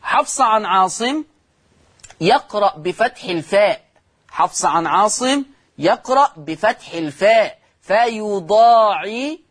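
Male Quran teacher, middle-aged, Egyptian accent, TV lesson, drawn-out demonstrations. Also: high-pitched, animated, a bit bright, breathy edge. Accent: Egyptian Arabic. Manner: stretches out words slowly to show how they are pronounced. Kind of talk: televised religious lesson.

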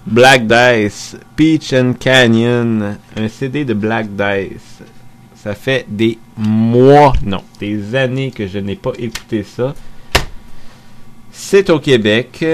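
A man's voice: mid-range voice, slight background noise. A man with a Québécois French accent rambling casually about his CDs, loose and joking, swearing offhand. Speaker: vlogger playing his CDs. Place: dim room at home.

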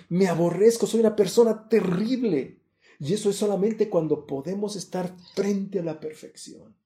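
A man preaches a sermon in a very mellow, dark-toned voice that sits a little high. He is earnest and emphatic. He pushes louder and higher whenever he stresses a point. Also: reverberant.

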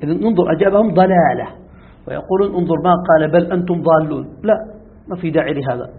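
High-voiced man teaching, tinny sound. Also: very fast. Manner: keeps asking students if it's clear; poses rhetorical questions. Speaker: sheikh teaching Quran commentary. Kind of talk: classroom commentary lesson. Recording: tinny phone-like audio.

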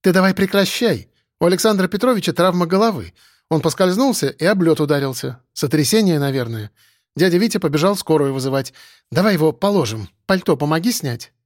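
A man's voice: on the high side, animated, a little fast, dry recording, clean studio sound, natural voice. A man voicing a young factory girl, eager and coaxing. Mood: teasing.

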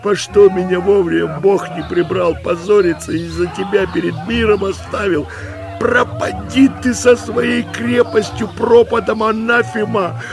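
A man voicing a shrill, scolding old peasant wife in an audiobook, with music behind. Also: fairly even intonation, measured pace, vocal fry. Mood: shrieking. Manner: shrieking, scolding, lamenting. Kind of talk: audiobook character voice.

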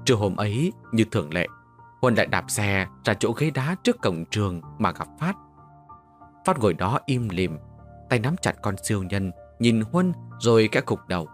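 A man narrating a dramatic story in an expressive, emotional reading. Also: on the low side, normal speed. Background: soft music.

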